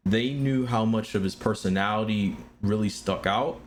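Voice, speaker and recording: A man's voice: fairly low pitch, moderate pace, slight background noise. A man, a pro wrestler guest, chatting casually and giving strong opinions on a podcast. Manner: opinionated, animated when mimicking others.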